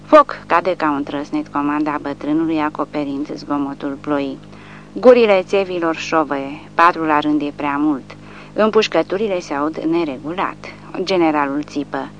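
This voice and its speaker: Woman narrator with a lowish voice, measured and dramatic; dull lo-fi audiobook recording with a faint hum underneath. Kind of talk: scripted narration.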